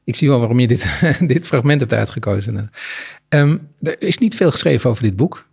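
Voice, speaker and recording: A man hosts a casual book talk in a gravelly voice. He chats and reads a review aloud. The sound is husky and rough. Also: mid-range voice, lively intonation, a little fast, a little mellow.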